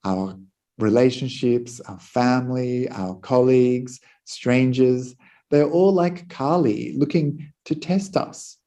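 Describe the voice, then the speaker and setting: A Buddhist monk giving a dharma talk, telling a teaching story in a calm way. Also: male voice, mid-range voice.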